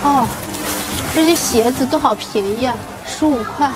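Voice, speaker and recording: High-voiced woman hosting a casual teaching vlog. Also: measured pace, very noisy. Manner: names and repeats items for learners. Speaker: vlog host teaching Chinese. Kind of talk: casual market vlog with simple teaching explanations. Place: busy market, on location. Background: music.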